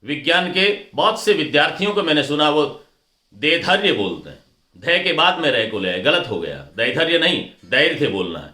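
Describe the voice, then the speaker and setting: Middle-aged guy lecturing on pronunciation, bright ringing voice, echoey room. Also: a little high, very animated, normal speed. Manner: didactic, repeats words to contrast right and wrong pronunciation. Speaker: teacher of stage anchoring.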